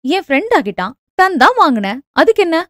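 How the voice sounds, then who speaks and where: A woman voicing a spirited, quick-tempered young woman with sharp, raised retorts. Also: fairly high pitch, lively intonation, dry recording, studio quality, natural voice. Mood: indignant.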